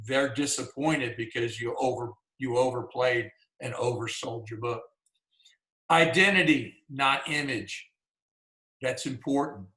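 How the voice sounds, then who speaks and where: A Southern-accented man leads a workshop for writers over a video call, talking in a relaxed, folksy way with plenty of asides. His voice sits at an ordinary middle pitch, and the sound carries a noticeable room echo. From Georgia, US. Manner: folksy and conversational, many "you know"s. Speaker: workshop presenter. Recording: roomy echo.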